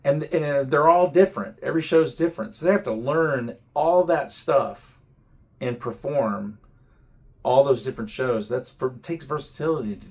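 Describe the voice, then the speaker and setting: A man's voice: medium pitch, moderate pace, darkish tone. A man hosting a casual vlog chat, talking reflectively and often repeating words as he works out his point. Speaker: vlog host.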